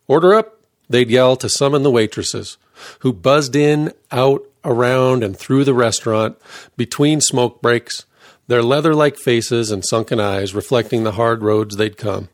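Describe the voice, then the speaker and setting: A man narrating his own first-person memoir in a measured, deliberate reading voice. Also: mid-range voice, no room sound, studio quality.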